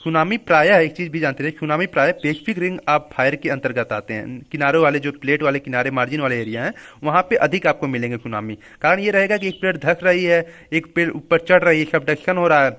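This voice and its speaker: Brief: young male teacher, slightly high voice, restates terms, informal lecture tone. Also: fast, few pauses, a bit bright. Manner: explains each term twice, frequent "theek hai" check-ins. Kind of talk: Hindi classroom lecture mixed with English terms.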